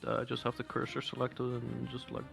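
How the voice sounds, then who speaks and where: Guy at a tabletop game, gravelly, very animated pitch, bright tone. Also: moderate pace, faint music behind. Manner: teasing, laughing. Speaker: player. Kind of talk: casual chat.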